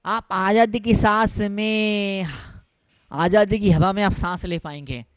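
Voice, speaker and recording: A man's high voice delivering a sermon as a monk, repeating his points for emphasis. The sound is dry and close. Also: fairly even intonation, slow pace, clear, resonant tone, no room sound. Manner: repetitive, emphatic, mixing English phrases. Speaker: Jain monk.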